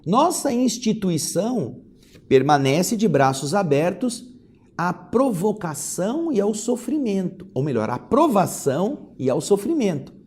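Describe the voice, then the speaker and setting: A man voicing a calm spirit guide. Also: fairly high pitch.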